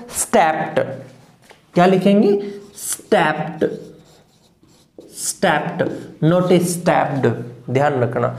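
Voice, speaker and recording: A man with a high-pitched, slightly mellow voice teaches an English phonetics lesson very slowly, saying each word several times. He frequently pauses to ask "clear?" to check the class follows, and his voice echoes as in a hard-walled room.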